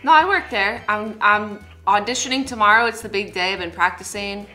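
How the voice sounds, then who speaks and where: A woman's voice: mid-range voice, a little fast, pushed and bright, soft background music, low-quality recording. A young woman speaking casually and hesitantly, rambling through comedic prank calls in a small room. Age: young adult. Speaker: prank caller, co-host.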